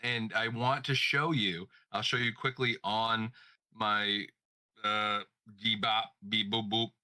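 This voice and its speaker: A man's voice: fairly low pitch, steady tone, slow pace, bright, forceful tone, dry recording. A man co-hosting a podcast in a rambling, playful casual chat, full of filler words. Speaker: podcast co-host.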